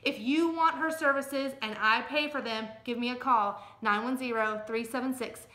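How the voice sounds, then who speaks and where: A middle-aged American woman, a real estate agent, gives casual, folksy advice to the camera, speaking plainly and emphatically. Her fairly high voice is pushed and bright at a moderate pace, recorded with echoey room sound in a small furnished room at home or an office.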